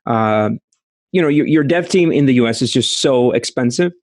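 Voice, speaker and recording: A man in his thirties from Costa Rica with a Costa Rican accent, answering interview questions over a video call, speaking haltingly with many restarts. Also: mid-range voice, lively intonation, a little mellow, no room sound. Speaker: startup founder. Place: small room at home, indoors. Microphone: studio mic with headphones.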